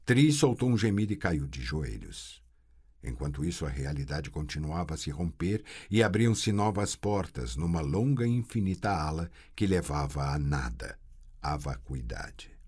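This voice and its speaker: A man narrating an audiobook with a very deep, husky voice. He reads slowly with lively rises and falls in pitch, full of suspense. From Brazil. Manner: slow, expressive storytelling. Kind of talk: scripted narration.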